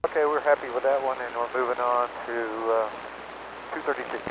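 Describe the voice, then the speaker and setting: A man's voice: medium pitch, steady tone, brisk. A man giving procedural test updates as a pilot over a crackly two-way radio, in clipped, hesitant phrases. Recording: dull lo-fi radio with noise.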